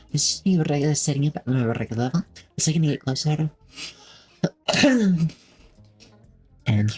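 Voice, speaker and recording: Husky-voiced streamer rambling to chat. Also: medium pitch, mellow. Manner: rambling, friendly, many fillers and restarts. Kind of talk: casual live-stream chat, reading chat. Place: home streaming setup with a creaky chair. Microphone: desk microphone with noise filters.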